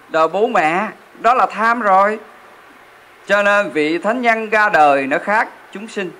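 A male Buddhist monk preaches in a temple hall. His voice is somewhat high and bright, with a forceful ring. He keeps turning to the audience with rhetorical questions. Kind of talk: sermon.

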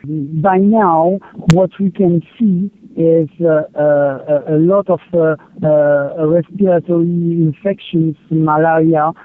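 A man working as an aid field coordinator, answering interview questions over a distorted satellite phone line, hesitant with many pauses and filler sounds. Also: on the high side, steady tone, a little hiss or hum.

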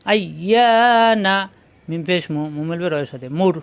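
A man teaching Quran reading, spelling each syllable aloud and then chanting the joined words in a slow, drawn-out tune. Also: on the high side, creaky, smooth. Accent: Bangladeshi Bengali. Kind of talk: slow letter-by-letter recitation lesson.

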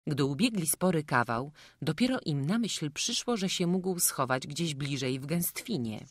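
A woman narrating an audiobook in a calm, even reading voice, recorded close in a studio. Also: low-pitched, moderate pace, dry recording. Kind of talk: scripted narration. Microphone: close studio mic.

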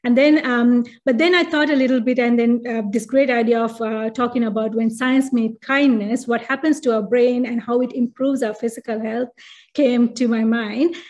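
High-voiced Sri Lankan woman lecturing online. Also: fairly even intonation, moderate pace, darkish tone, highs cut off. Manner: explanatory, many fillers and restarts. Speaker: neurologist giving a talk. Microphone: video call.

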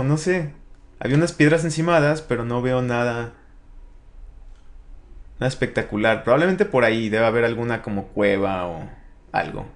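Mexican man chatting through a game. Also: medium pitch. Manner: chatty, talks to his companion and viewers, swears casually. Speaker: gaming channel host. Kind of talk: casual let's-play commentary.

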